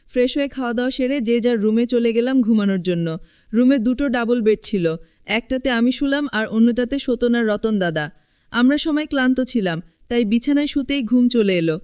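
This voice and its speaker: A woman narrating a scripted first-person story in an even storytelling manner. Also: a little high, smooth, dry recording, studio quality.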